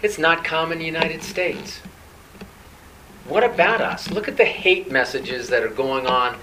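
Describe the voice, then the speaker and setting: A man's voice: on the high side, measured pace, recorded from a distance, background noise. A male pastor preaching a sermon in a conversational way, often turning to rhetorical questions.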